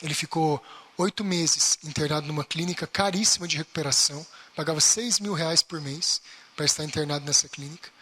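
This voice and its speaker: A man from Brazil, preaching a lively baptism class sermon and acting out everyday complaints. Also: on the high side, brisk, breathy edge. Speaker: pastor.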